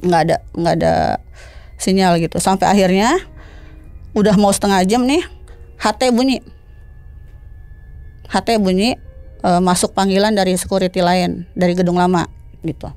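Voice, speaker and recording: A woman recounts an eerie night at work in loose, slangy speech. She plays out the back-and-forth with lively voices, her pitch climbing high in the tense moments. The sound is dry and close, with faint music underneath. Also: moderate pace, pauses often, clear, resonant tone, dry recording. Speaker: storyteller. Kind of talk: casual spoken ghost story.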